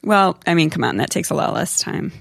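A podcast co-host in a casual chat with friends, curious and quick to laugh, often speaking softly. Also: medium pitch, lively intonation, gravelly, dry recording, clean studio sound.

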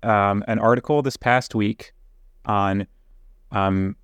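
A man co-hosting a podcast in casual conversation, speaking in a measured way with fillers. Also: on the low side, steady tone, fairly bright tone, clear, resonant tone, dry recording. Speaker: podcast co-host.

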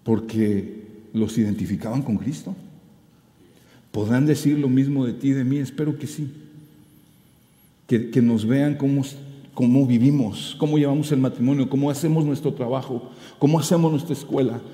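A man preaching a sermon as pastor, animated and rising to emphatic peaks. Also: mid-range voice, normal speed, pauses often. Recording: roomy hall with long reverb.

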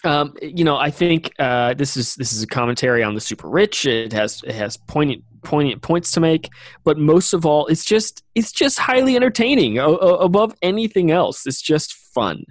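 A man's voice: a little high, big pitch swings, no echo. Eager man gushing in a film review. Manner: enthusiastic, halting with restarts. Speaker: podcast co-host. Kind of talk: casual movie review chat.

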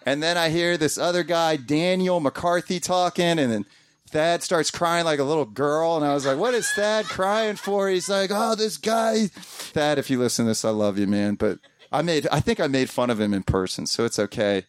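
A man's voice: fairly high pitch, moderate pace, clear, resonant tone, no room sound. A man who podcasts, talking to his community in a casual, heartfelt ramble, with frequent restarts and casual swearing. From Columbus, Ohio area. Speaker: podcaster speaking as a guest.

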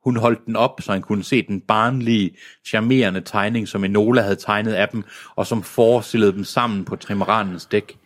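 A man's voice: fairly low pitch, fairly even intonation, hardly any pauses. A man reading a novel aloud in a casual way, stumbling now and then and breaking off with self-mocking asides. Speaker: reader.

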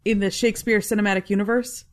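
A woman co-hosting a casual podcast, making lively, teasing interjections. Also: medium pitch, fast talker. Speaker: podcast co-host. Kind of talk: casual group chat.

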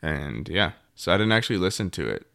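A man's voice: sits low, very animated, a little fast, vocal fry, fairly bright tone, no room sound, studio quality. A man co-hosting a podcast, chatting casually in a chatty, self-deprecating way. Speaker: podcast co-host. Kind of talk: casual chat.

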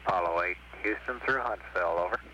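A man's voice: low voice, quick pace. A man making terse, formal radio calls as a mission control operator, his crackly transmission cutting out. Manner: clipped, formal call signs. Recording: archival radio with loud static.

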